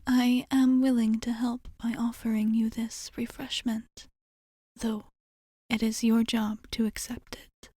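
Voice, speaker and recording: A woman voices an ancient vampire barkeep in a close ASMR roleplay, speaking in a soft, breathy, mellow tone that sits fairly high and often slips into whispers. Her pace is very slow and her wording formal and measured, broken by thoughtful pauses, and she comes across as composed and attentive. The dry recording has no echo.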